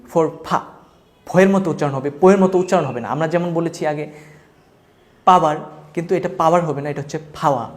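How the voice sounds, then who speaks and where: A man teaching a spoken language lesson, who repeats each drilled word slowly and patiently. His first language is Bengali. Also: high voice, darkish tone. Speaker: English teacher.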